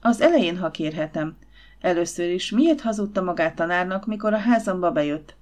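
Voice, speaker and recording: A woman voicing a spirited, quick-tempered young Victorian lady in an audiobook, speaking with raised, indignant emphasis. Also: lowish voice, lively intonation, a little mellow, natural voice. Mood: pointed. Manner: indignant, exclaiming.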